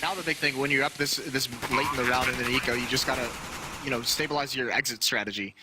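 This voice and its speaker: A man's voice: mid-range voice, steady tone, quick pace, heavy background noise. A man working as an esports caster, giving conversational, explanatory analysis of a competitive shooter match. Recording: loud game gunfire and clicks behind voice. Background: loud video game gunfire and clicks.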